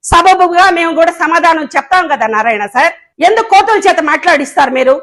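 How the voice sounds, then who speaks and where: A woman's voice: extremely high pitch, lively intonation, quick pace, a bit bright. A woman giving a combative press statement as a local political leader, fiery and sarcastic, scolding with rhetorical questions.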